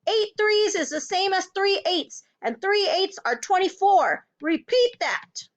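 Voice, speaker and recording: A woman's voice: high-pitched, animated, moderate pace. A woman voicing a huge, tyrannical headmistress with an explosive temper, barking in an overbearing way. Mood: furious.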